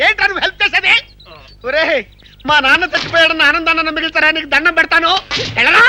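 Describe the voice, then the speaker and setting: A man's voice: very high voice, fast, heavy background noise. An actor playing a flustered man whose old father keeps faking his death, in a comedy film scene. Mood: exasperated. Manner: excitable, exasperated, comic outbursts.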